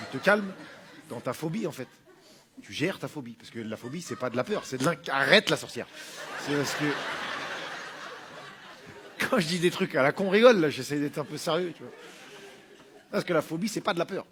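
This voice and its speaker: A man's voice: mid-range voice, a bit bright, a little hiss or hum. A man performing a stand-up monologue in an informal, argumentative, sardonic way. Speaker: stand-up comedian.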